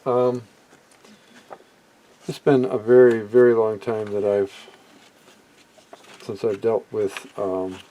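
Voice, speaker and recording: This vintage electronics hobbyist, middle-aged or older, has a mellow, fairly low voice with little change in pitch. He talks slowly, leaving long pauses, as he gives an unscripted hands-on demonstration. The home recording is rough, with background noise, and his hesitant musings often drift off unfinished.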